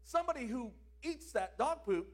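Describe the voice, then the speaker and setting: High-voiced guy preaching, really animated, loud bits then quiet asides. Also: moderate pace. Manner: emphatic, swings between loud declarations and quiet asides. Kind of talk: sermon.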